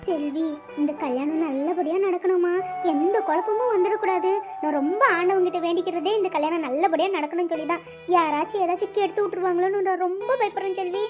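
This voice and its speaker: A fretful middle-aged aunt in a cartoon who has raised her niece as her own. Her voice sits very high, and she pleads with emotion over clear background music. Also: fast talker, muffled recording. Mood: pleading. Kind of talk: cartoon voice acting.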